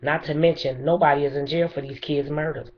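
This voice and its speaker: Addressing the mayor off the cuff, a grieving middle-aged mother from Chicago speaks plainly and insistently, with emphasis. Her low-pitched voice holds a steady tone at a slightly fast pace, captured in lo-fi sound.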